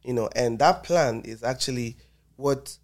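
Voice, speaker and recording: A young man with a Nigerian accent, an Afrobeats artist guest chatting casually about his music, animated and slipping into Pidgin. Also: mid-range voice, measured pace. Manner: animated, mixes in Nigerian Pidgin, laughs often. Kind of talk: casual podcast conversation.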